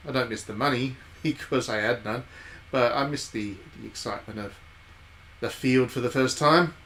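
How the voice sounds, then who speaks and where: Live game commentary comes from a man who is a streamer and former journalist, casual in tone with wry, playful asides and bits of on-screen text read aloud. His voice is medium-pitched, normal in speed and slightly bright. Background noise is clearly present.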